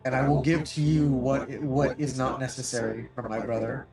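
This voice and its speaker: A man's voice: medium pitch, level tone, moderate pace, gravelly, darkish tone, rough recording. A man voicing a sorrowful ancient female statue spirit through a voice changer, speaking in solemn, archaic phrases over faint music. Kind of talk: game master voicing a character.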